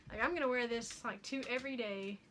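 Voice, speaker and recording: A woman's voice: fairly high pitch, fast talker, a bit bright. Rambling young woman vlogger, noisy hiss. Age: young adult. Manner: rambling, chatty, lots of "like" fillers; giggly, self-deprecating. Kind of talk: casual chat haul video.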